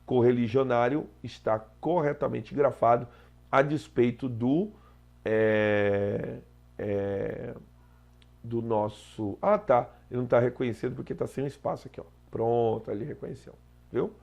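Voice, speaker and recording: Gravelly Brazilian teacher explaining grammar. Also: male voice, mid-range voice, a little slow, darkish tone, muffled recording. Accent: Brazilian Portuguese. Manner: explains step by step, frequent "tá?" checks. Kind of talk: exam prep lesson.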